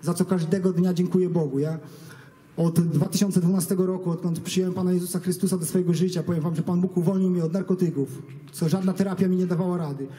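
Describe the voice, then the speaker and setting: A man giving an earnest, halting personal testimony to an audience, with many restarts, nervous before the crowd. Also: high-pitched, fairly even intonation, mellow. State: nervous, stage fright.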